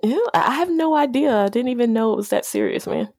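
A woman's voice: on the high side, lively intonation, fast, darkish tone, dry recording, clean studio sound. A woman with a Southern American accent chatting casually, with a sassy, candid and playful manner. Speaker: auto repair shop owner, podcast guest. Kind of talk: casual chat.

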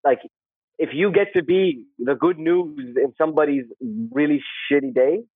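Male interview guest, conversational and halting with repeated phrases, close dry sound with limited bandwidth. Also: on the high side, breathy edge, dry recording, phone-quality sound. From Saudi Arabia. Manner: rambling, halting, repeats words and phrases, often tags "right?". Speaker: podcast guest, social worker. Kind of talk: casual interview, personal storytelling.

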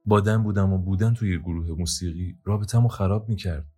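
A man's voice: low voice, mellow, slightly rough, faint music behind, voice pushed up. A man voicing a troubled young woman who speaks in a defensive, strained way.

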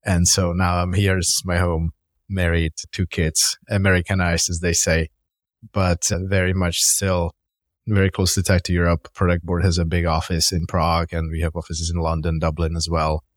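With a low voice and flat delivery at normal speed, this middle-aged Czech founder and CEO gives explanatory, conversational answers as an interview guest, his Czech accent clear. The studio-quality recording has no room sound.

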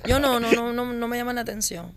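A woman talks fast and openly in a casual podcast chat. Her voice sits a little high and she rattles through her stories. She sounds blunt and unfiltered. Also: fairly even intonation, slight background noise. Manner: frank, laughing storyteller.

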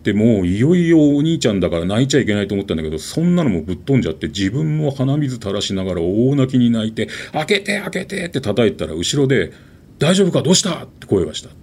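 A man telling a ghost story in an animated, dramatic way, with vivid sound words. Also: lowish voice, quick pace, few pauses.

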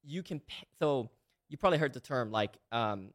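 A man's voice: medium pitch, animated, moderate pace, fairly bright tone. A man in his twenties from Malaysia, a podcast guest in a casual interview, talking eagerly with many fillers and restarts. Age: 20s.

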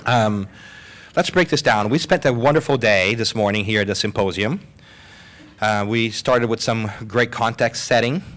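A man hosts a live panel in front of an audience, trading light jokes and poking fun at himself. His voice has a slight hoarseness, and he talks in a chatty, upbeat way. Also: on the low side, normal speed. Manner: jokey, lively, self-deprecating. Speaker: host. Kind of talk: live panel show hosting. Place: symposium hall with audience.

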